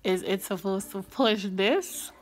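A woman's voice: mid-range voice, slow pace. A woman in braces with a tongue crib, chatting casually in a vlog while her finger pulls her lip down, with frequent fillers like "like" and "um". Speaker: vlogger.

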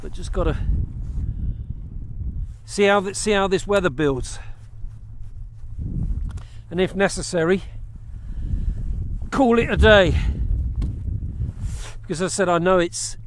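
This English fishing vlogger, a middle-aged man, sits in a kayak on open water and chats to the action camera fixed to it, explaining his fishing one step at a time. His high voice moves slowly with many pauses and restarted phrases, and there's a little hiss or hum.

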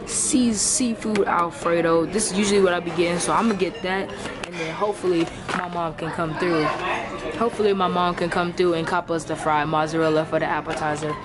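Over a noisy crowd, an American teenage boy talks casually and slangily to his vlog camera at arm's length. His high-pitched voice keeps fairly even intonation and moves a little fast.

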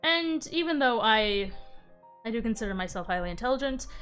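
A woman's voice: fairly high pitch, a bit bright, smooth. A woman streamer doing live in-character game commentary in a rambling, hesitant, professor-like manner. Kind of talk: live in-character Minecraft roleplay commentary, chatting with viewers.

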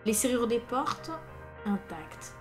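A woman reading a classic adventure story aloud in a lively, dramatic storytelling manner. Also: a little high, slow pace. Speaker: audiobook reader. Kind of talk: expressive audiobook narration. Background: faint piano music.

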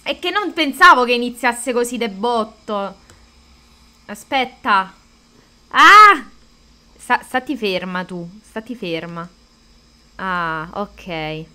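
A woman's voice: medium pitch, expressive, slow, bright, forceful tone. A woman chatting casually to her viewers while streaming a game, greeting them and cursing at the controls. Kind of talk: casual live-stream gameplay chat.

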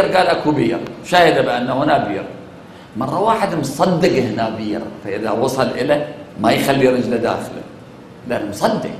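A man with an Iraqi Arabic accent giving a Ramadan religious lecture, measured and emphatic, slowing down on key phrases and asking and answering his own questions. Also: mid-range voice, a little hiss or hum. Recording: very echoey hall.

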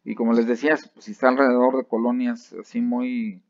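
A man lecturing a class, lively, often checking in with his listeners and restarting phrases. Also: medium pitch, brisk, no echo. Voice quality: gravelly. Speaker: university lecturer. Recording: dry, slightly dull sound.

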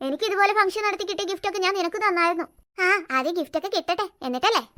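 A woman's voice: very high voice, animated, racing, pushed and bright, full character voice. A woman voicing a smug, bossy older sister who teases her younger sister. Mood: teasing. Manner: teasing, bossy. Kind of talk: cartoon voice acting.

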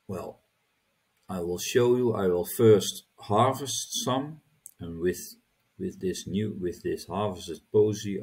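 Middle-aged man, tutorial host: deep and husky, unhurried, halting, repeats words as he clicks. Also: a little mellow. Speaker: crypto channel host. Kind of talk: screen-recorded tutorial walkthrough.

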